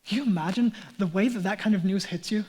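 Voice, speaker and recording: Male pastor, fairly high voice, conversational sermon delivery that falls to near-whispers on key points. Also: fast. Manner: earnest, conversational, drops to a hush for emphasis; casual asides with fillers like "like".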